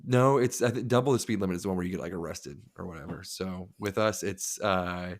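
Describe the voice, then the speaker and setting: A man's voice: low voice, fairly quick. A man co-hosting a podcast, telling a long story in casual chat, swearing freely and acting out what people said. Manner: animated, profane, acts out quoted dialogue. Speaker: podcast co-host.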